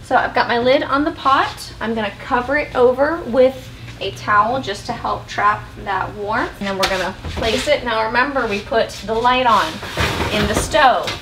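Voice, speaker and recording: A woman's voice: a little high, moderate pace, a bit bright, a little hiss or hum, poor audio. A woman in her thirties talking to the camera as she cooks in her home kitchen, explaining each step in a casual, chatty way. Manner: chatty, explains steps while working, talks to camera. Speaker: homesteading cooking vlogger. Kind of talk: casual step-by-step cooking tutorial.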